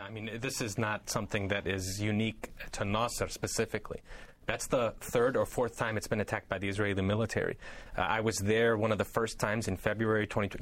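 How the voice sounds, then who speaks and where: A man, a doctor, answering interview questions with firm, steady statements. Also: on the low side, dry recording. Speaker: Palestinian American doctor guest.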